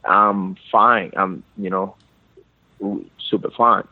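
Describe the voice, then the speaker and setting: A Cuban fighter calling in for a phone interview speaks insistent, repetitive, broken English with a Cuban Spanish accent, Spanish being his first language. His voice is low and fairly even, and he takes it slowly. The phone line sounds dry and tinny, with no room sound.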